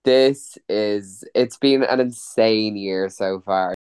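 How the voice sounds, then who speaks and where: A man's voice: lowish voice, takes it slowly, darkish tone, smooth. A man hosting a podcast, chatting in a friendly, upbeat way with his co-host. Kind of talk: casual podcast chat.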